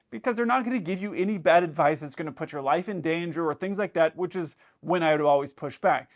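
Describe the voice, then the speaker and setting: Speaking in a high-pitched voice, this man, a pilot and host, offers relaxed commentary and slips into imagined dialogue as he explains.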